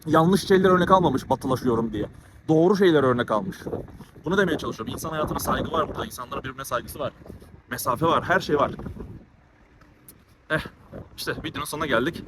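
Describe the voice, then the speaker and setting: A fairly high-pitched man talks into a handheld camera as he walks down a street, audibly out of breath. He speaks in a heated, ranting way and keeps repeating his points. Clear street noise sits around his voice. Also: a little fast, long pauses. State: out of breath from walking. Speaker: travel vlogger. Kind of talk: walking vlog monologue. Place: outdoors on town streets. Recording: noisy outdoor street recording.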